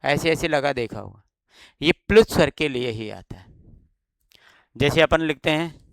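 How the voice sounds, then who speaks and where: A male teacher with a slight Rajasthani Hindi accent walks through an exam-prep grammar lesson, explaining each point and answering his own questions. His voice sits a little high and comes across smooth and resonant. It is recorded dry and close, with no room echo. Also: measured pace.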